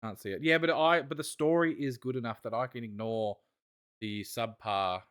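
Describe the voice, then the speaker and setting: A man's voice: mid-range voice, moderate pace, fairly bright tone, clean tone. A man chats on a casual podcast in a mid-range voice, rambling with enthusiasm. He trails off and restarts his thoughts as he goes. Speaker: podcast co-host.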